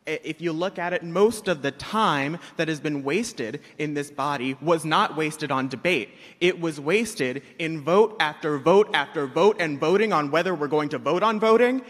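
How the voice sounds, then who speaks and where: A man's voice: a little high, moderate pace, few pauses, a bit bright. A man speaking as a convention delegate from the floor, hesitant with questions, pointed in debate. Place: large convention hall. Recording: echoey large hall.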